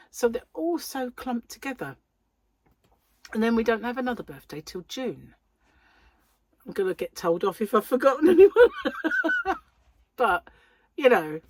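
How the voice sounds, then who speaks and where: In a fairly low voice, a middle-aged British woman hosting a crochet channel talks casually to camera, her breath wheezy. She's self-deprecating, laughs readily, and the recording carries no room sound.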